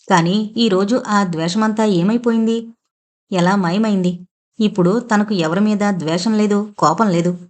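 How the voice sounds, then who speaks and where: Woman reading a family novel aloud, even measured pace. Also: mid-range voice. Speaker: audio novel narrator. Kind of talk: scripted narration.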